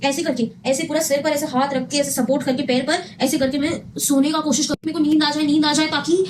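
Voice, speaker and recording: Young woman, high pitch, quick storytime delivery, emphatic repeats, faint room noise. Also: fairly even intonation. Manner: emphatic, repeats phrases, mixes Hindi with English. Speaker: vlogger telling her own health story. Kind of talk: casual storytime monologue.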